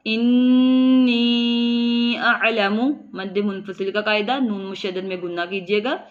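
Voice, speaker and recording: A woman teaching tajweed. She explains each rule step by step and recites words slowly and drawn out. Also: mid-range voice, steady tone, narrow, tinny audio. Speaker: Quran teacher. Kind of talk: tajweed lesson.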